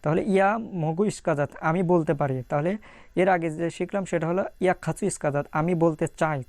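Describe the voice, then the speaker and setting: A man teaching an online language lesson, repeating each phrase slowly with frequent "ah" fillers. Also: fairly high pitch, fairly even intonation, darkish tone, dry recording.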